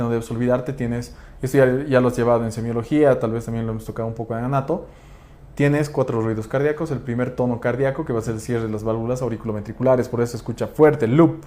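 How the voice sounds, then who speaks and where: Mellow-voiced man teaching physiology. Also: mid-range voice. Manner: didactic, asks rhetorical questions with tag checks. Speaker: physiology lecturer. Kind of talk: explanatory lecture.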